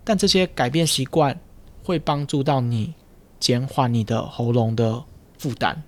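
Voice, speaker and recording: A speech therapist hosts a casual podcast chat, speaking at a medium pitch and a little slowly through a studio mic with headphones. He explains things patiently and teases his co-host.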